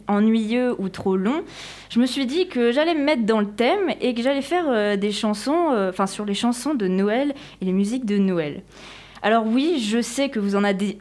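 A woman's voice: fairly high pitch, a little mellow. A young woman presenting a radio column in a chatty, self-mocking way, with many fillers. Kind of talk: read radio column with casual asides.

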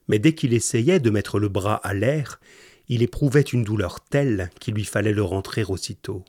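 Male audiobook narrator: low, husky voice, calm and measured reading. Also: no echo, studio quality.

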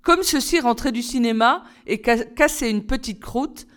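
A woman narrating a children's story in a clear, measured reading voice. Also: fairly high pitch, a bit bright. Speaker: reader.

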